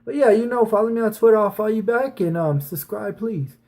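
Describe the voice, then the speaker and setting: This channel host tells his viewers personal stories in an informal, rambling, slangy way, swearing now and then. He has a high, dark-toned voice and talks fairly quickly.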